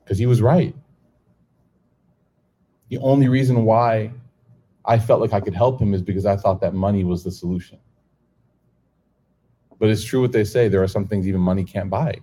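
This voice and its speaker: This informal sermon comes from a middle-aged American man with a husky voice on the low side, speaking at normal speed and pausing often. Before a live audience he spins animated stories, voices the dialogue, and laughs a lot.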